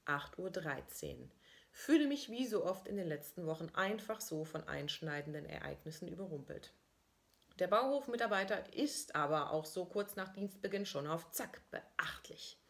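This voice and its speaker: A woman with a fairly low voice reads her own diary-style prose, keeping her delivery wry and deadpan. The tone is that of an author performing her own text. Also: normal speed, vocal fry. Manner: dry, ironic storytelling. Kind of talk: first-person diary-style story reading.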